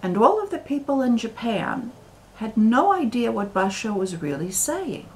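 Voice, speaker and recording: An American woman talking to camera in a slow, deliberate monologue, full of pauses and fillers. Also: on the high side, sing-song, darkish tone, low-quality recording. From United States. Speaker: video commentator.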